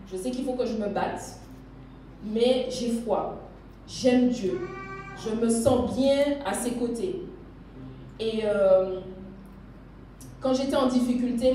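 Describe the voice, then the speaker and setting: Casual hesitant woman's spoken testimony, mellow voice, recorded far off in an echoey hall. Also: medium pitch, slight background noise. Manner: hesitant, searching for words, then laughing and excited. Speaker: church member giving testimony. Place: church hall. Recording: echoey room, mic at a distance.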